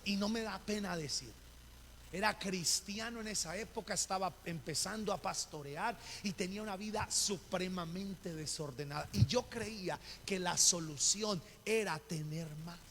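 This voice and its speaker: A man's voice: high-pitched, fairly bright tone, long reverb tail, a little hiss or hum. A male pastor preaching a sermon, telling a personal story and acting out the voices of the people in it. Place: church hall.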